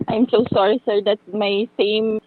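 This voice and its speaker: A woman's voice: medium pitch, unhurried, narrow, tinny audio. A woman student with a Filipino accent, chatty and switching between Filipino and English in an online class.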